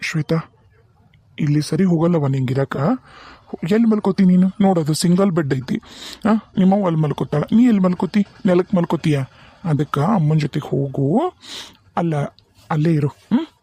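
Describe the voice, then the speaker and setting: A man's voice: a little high, a little fast, pauses often, slightly rough, dry recording. A man voicing a worried middle-aged village father in a hospital bed in a cartoon, with a North Karnataka Kannada accent. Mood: coaxing. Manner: gentle, pleading, rises when alarmed. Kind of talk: cartoon voice acting.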